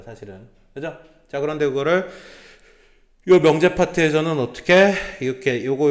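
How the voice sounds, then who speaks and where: A man lecturing a small class as a math tutor, checking in with students through constant tag questions and throwing in blunt slangy asides. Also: medium pitch.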